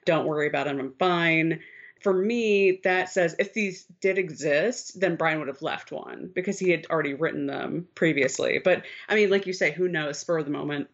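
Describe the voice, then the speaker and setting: A woman co-hosting a podcast, telling the story in a candid, expressive, casual way and swearing freely. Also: fairly low pitch, moderate pace, hardly any pauses. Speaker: podcast co-host. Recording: slightly muffled lo-fi sound.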